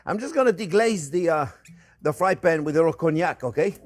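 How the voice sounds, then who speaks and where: An older man with a slightly high voice presents a casual cooking demonstration. He is animated and talkative, repeats little phrases, and addresses his viewers as friends. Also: a little fast, background noise. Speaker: chef hosting a cooking show.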